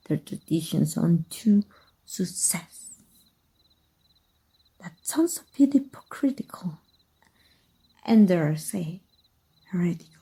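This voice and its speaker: A woman from Mexico voices a sly former magic teacher with dark powers in a heavily acted ASMR roleplay. Her very dark, mellow voice turns breathy at the edges as she half-whispers, low and teasing, at an unhurried crawl. It sounds close and intimate.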